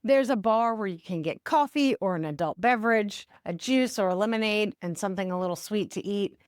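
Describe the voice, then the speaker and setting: A woman's voice: medium pitch, fairly quick, clean tone, no room sound, studio quality. Chatty upbeat woman vlog host. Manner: chatty, upbeat, talks straight to viewers. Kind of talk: casual travel vlog chat with scripted voice-over.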